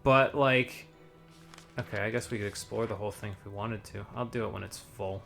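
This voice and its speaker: A man's voice: lowish voice, fairly even intonation, brisk, gravelly, a bit bright, faint music behind. A man giving casual, rambling live commentary on a video game with wry asides.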